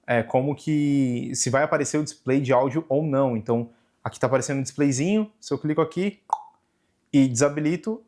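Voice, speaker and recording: A young man with a mid-range voice and a Brazilian Portuguese accent hosts a casual hands-on camera tutorial. He explains the camera menu step by step in a relaxed way, often saying "né" and "tá." The audio comes from a camera microphone.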